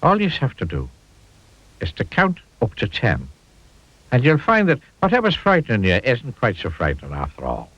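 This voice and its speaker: A man voicing a kindly old tramp who speaks softly and gently. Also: medium pitch, wildly swooping pitch, normal speed, slightly rough, no room sound, full character voice. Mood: gentle. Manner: soft, gentle, soothing. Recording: dull lo-fi audio.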